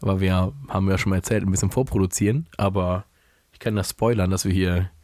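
A man's voice: low-pitched, fairly even intonation, quick pace, darkish tone, no room sound, clean studio sound. A man co-hosting a podcast in casual chat, hesitant, often stumbling and restarting his sentences. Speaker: podcast co-host.

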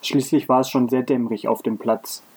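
A man co-hosting a podcast and reading a children's Christmas story aloud in a calm, steady way. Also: medium pitch, brisk, husky. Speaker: podcast co-host and story reader.

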